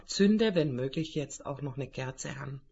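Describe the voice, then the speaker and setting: A man leading a guided spiritual meditation in a calm, soothing, unhurried way with long pauses. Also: medium pitch, creaky, breathy edge, highs cut off.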